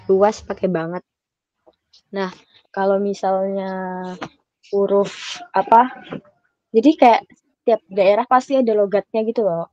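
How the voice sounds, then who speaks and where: Mellow-voiced young woman tutoring online. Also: mid-range voice, steady tone, slow pace, pauses often, dry recording, muffled recording. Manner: patient, chatty, laughs easily. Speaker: Mandarin tutor. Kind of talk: casual private lesson.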